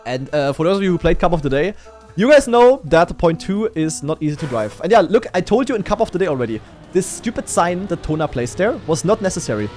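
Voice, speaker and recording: Brief: male esports caster, high voice, jokey, excitable. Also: quick pace, faint music behind. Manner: excitable, jokey, rises to shouts on big moments. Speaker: esports commentator. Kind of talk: live esports commentary.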